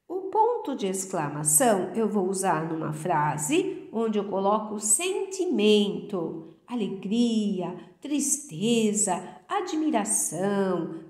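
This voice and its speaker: A Brazilian woman teacher giving a recorded lesson to her pupils, slow and patient, often checking that the class follows along. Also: medium pitch, a little mellow. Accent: Brazilian Portuguese. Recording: echoey room.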